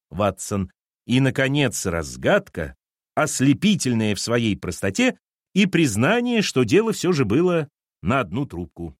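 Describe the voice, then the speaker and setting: Guy reading a novel out loud, really animated voice, dry close mic. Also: medium pitch, dry recording. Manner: expressive, lively intonation. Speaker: audiobook narrator. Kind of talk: audiobook reading.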